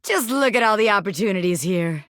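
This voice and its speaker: For a video game, a woman gives lightly acted voice to a bobby pin with delusions of being a crime boss, brisk and animated in a mid-range, slightly bright voice. The delivery is swaggering, slangy and boastful, full of pet phrases, with a sly, persuasive mood, all captured in a clean, dry studio recording.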